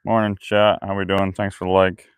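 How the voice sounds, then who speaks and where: A man's voice: sits low, completely flat delivery, normal speed, noisy background. A man chatting casually with live-stream viewers while he works outdoors by a creek, talking loosely between tasks. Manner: chats loosely with viewers while busy with his hands. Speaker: fishing livestreamer.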